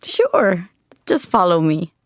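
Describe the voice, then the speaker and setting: A woman's voice: lowish voice, big pitch swings, takes it slowly, dry recording, studio quality. An actress playing a helpful, upbeat young woman in a scripted textbook dialogue. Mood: cheerful.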